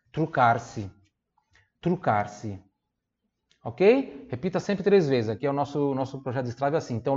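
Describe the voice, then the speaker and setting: A fairly high-voiced man with a southern Brazilian accent from Santa Catarina gives an online Italian lesson. He talks in a chatty, repetitive way, checks in with tag questions and slows right down to drill words. The recording sounds dull and lo-fi. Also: darkish tone. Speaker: Italian teacher.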